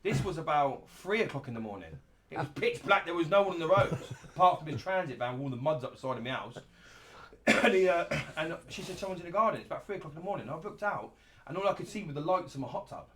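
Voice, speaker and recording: Fast-talking, sweary man. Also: fairly high pitch, animated, a bit bright, slight background noise. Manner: blunt and sweary, laughing through his stories. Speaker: show host telling stories about a friend. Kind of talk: casual anecdotal storytelling.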